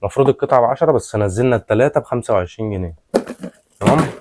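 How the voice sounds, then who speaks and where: A man with an Egyptian Arabic accent giving a casual, repetitive sales pitch, presenting products in colloquial patter addressed to customers. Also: expressive, very fast. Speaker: shop seller, product presenter. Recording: clearly noisy, rustling and clicking handling sounds.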